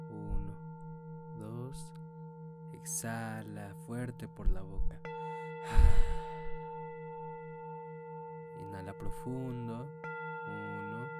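Slow, low-voiced man counting breaths. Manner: slow, calm breath counting with long pauses. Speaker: meditation guide and podcast host. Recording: singing bowl music behind the voice. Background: loud resonant singing bowls.

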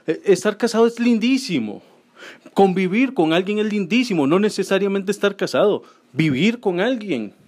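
A man's voice: high-pitched, darkish tone. A man around forty, doing a crude, self-mocking stand-up comedy monologue.

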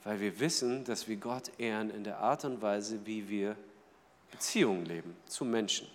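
A man preaching a sermon in a lively way, asking the audience questions and acting out small everyday scenes. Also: fairly low pitch, normal speed, long reverb tail. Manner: lively, asks the audience rhetorical questions, acts out little scenes. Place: church hall.

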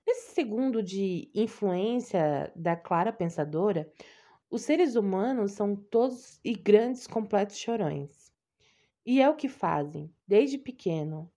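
A young woman reading a short story aloud in a slow, dramatic way, sometimes dropping to a soft whisper. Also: mid-range voice.

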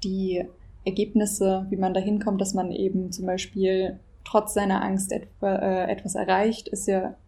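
Gravelly, warm-toned woman interviewer. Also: mid-range voice, flat delivery, a little slow. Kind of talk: conversational interview.

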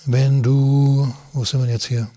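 A man's voice: medium pitch, level tone, takes it slowly, warm tone. A man, a pastor, preaching a sermon. He reads Bible verses aloud, explains them, and turns to his listeners directly with rhetorical questions and asides.

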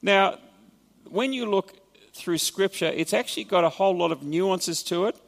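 An Australian man preaches a sermon in a large church hall, treating scripture in a chatty way with wry asides. He's a pastor with a high, creaky voice, speaking at a normal speed.

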